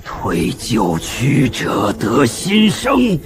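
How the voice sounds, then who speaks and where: A man playing an enraged leader of rogue cultivators, shouting and agitated. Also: mid-range voice, huge pitch swings, very slow, crowd noise, exaggerated voice. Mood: furious.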